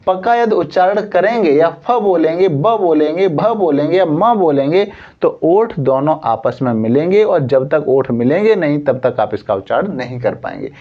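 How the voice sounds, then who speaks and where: A man teaching Hindi in an online coaching class. He explains slowly, sounds out letters one at a time, and keeps checking with "theek hai". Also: fairly high pitch, expressive. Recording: slightly dull lo-fi sound.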